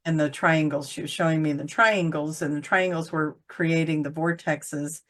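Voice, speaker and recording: A woman's voice: deep voice, steady tone, normal speed, fairly bright tone. A woman in casual conversation about spiritual channeling, rambling and searching for words with many fillers. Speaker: channeler co-host.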